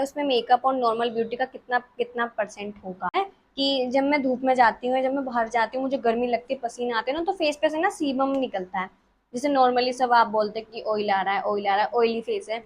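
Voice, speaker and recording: A woman's voice: a little high, brisk, fairly bright tone. A woman of twenty, chatting casually as a vlogger answering follower questions in her bedroom, giggly and self-mocking. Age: 20s. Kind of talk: casual chat.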